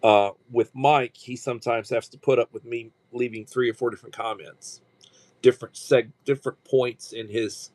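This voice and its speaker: With a medium pitch and a somewhat dark tone, a man in his sixties speaks steadily while hosting a casual livestream, and there's no room sound. His speech rambles, breaking off and starting over, peppered with fillers.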